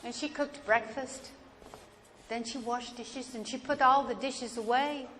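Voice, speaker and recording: A woman with an Appalachian accent telling a family story aloud in a folksy, dramatic, deliberate way. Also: a little high, steady tone, a bit bright. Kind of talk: oral family storytelling, live performance. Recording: echoey hall with noticeable background noise.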